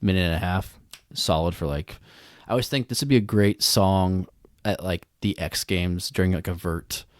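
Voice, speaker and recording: A man's voice: sits low, moderate pace, no echo, clean studio sound. A man co-hosting a podcast, chatting casually and rambling with lots of fillers. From United States. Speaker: podcast co-host. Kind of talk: casual chat.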